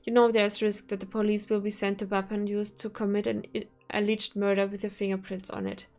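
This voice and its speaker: A woman voicing a manipulative male professor while reading a visual novel aloud, coaxing and calmly threatening. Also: medium pitch, fairly quick, close to an everyday voice. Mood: menacing. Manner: smooth, coaxing, coldly threatening.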